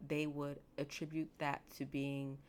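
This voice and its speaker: A woman in her late twenties, a therapist hosting her podcast, reflecting slowly and emotionally with halting restarts. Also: low-pitched, monotone, slight background noise. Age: late 20s. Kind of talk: reflective solo podcast talk.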